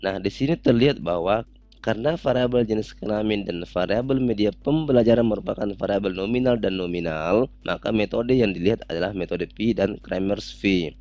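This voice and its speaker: A man calmly walking through statistics software steps one by one in a recorded tutorial. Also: lowish voice, brisk, highs cut off, faint music behind. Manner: calm, methodical step-by-step explanation.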